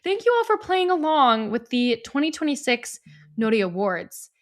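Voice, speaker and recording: A woman co-hosting a podcast in casual chat, playful and quick to laugh. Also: high voice, big pitch swings, soft background music. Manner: playful, giggly, bubbly. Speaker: podcast co-host.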